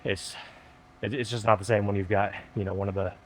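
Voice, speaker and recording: A man's voice: fairly low pitch, fairly even intonation, fairly quick, a little hiss or hum. A man vlogging casually at the gym between sets, out of breath and restarting his sentences. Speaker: fitness vlogger. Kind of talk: casual gym vlog talk.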